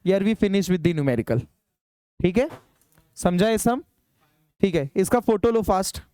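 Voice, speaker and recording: A man teaching engineering in a classroom, dictating formulas slowly and urging students to hurry. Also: sits high, lively intonation, mellow, smooth, no echo, studio quality. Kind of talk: classroom lecture solving problems.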